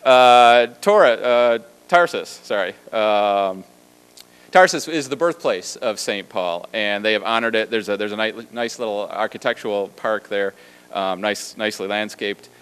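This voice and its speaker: A man, a theology professor, giving a lively storytelling lecture with a conversational, animated manner and frequent asides. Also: lowish voice, unhurried, smooth.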